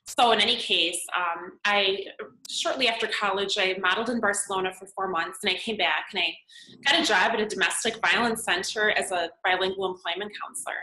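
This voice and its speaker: A Serbian-born woman in her forties, a makeup artist and model, speaks as a podcast guest in conversational interview answers, sharing her story earnestly and reflectively with many filler pauses. Her mid-range voice is bright and forward, echoing in a room over a remote call with slight background noise.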